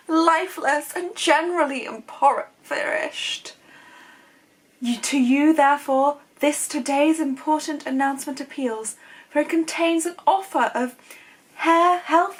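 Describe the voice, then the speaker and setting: Woman doing a posh English lady reading old adverts, grand sing-song pitch, fairly high voice.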